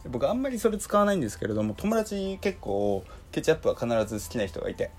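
A young man with a hoarse, dry throat and a Kansai accent, telling a story in a chatty solo podcast full of fillers. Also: fairly high pitch, sing-song, fast talker, a little mellow, faint music behind. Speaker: podcast host. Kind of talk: casual solo talk.

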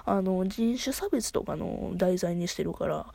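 A woman with a Kansai accent chatting excitedly on her solo podcast, often restarting her sentences. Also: on the low side, measured pace, vocal fry, dry recording. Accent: Kansai Japanese. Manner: chatty, excitable fan talk full of restarts. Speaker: podcast host. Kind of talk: casual solo podcast chat.

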